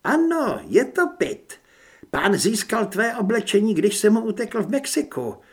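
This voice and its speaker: A man voicing a furious, menacing female werewolf who leads cultists, with a raised high voice, in an audiobook. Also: big pitch swings, husky, exaggerated voice. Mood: taunting. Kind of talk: audiobook character voice.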